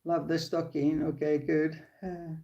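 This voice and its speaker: A gravelly, mellow, low-pitched voice speaks a little slowly in a level tone, in a reverberant, muffled recording. It belongs to an older Finnish woman with a Finnish accent who hosts a casual live crochet stream from her phone, laughing and restarting sentences often.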